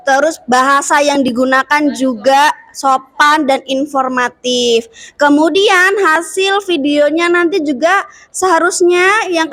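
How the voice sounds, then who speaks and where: A woman teacher in a classroom, explaining steps to her students and teasing them with questions. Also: high voice. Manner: lively, asks the class questions and teases. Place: school classroom.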